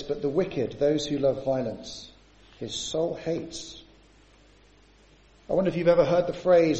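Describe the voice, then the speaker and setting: A man's voice: a little high, warm tone. Man preaching a sermon in an echoey church. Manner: asks rhetorical tag questions.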